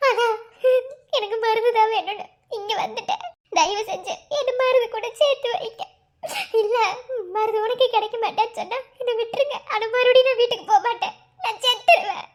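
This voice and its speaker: A voice actor playing a young village woman in a cartoon, pleading through tears in a Madurai Tamil accent. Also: moderate pace. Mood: tearful. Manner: tearful, pleading, high and thin. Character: young village woman begging to wed her love. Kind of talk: cartoon voice acting.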